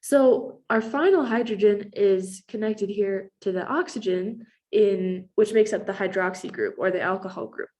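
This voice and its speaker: A woman's voice: medium pitch, normal speed, few pauses, a little mellow, highs cut off. Woman student with a cold. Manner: careful explanatory pace with frequent ums. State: has a cold. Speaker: chemistry student. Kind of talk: recorded class presentation.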